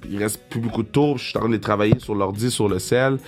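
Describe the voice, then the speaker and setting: A man in his thirties with a Québécois French accent, telling a casual, excitable story and swearing, with English words mixed in. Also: on the low side, fast talker, faint music behind. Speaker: vlogger.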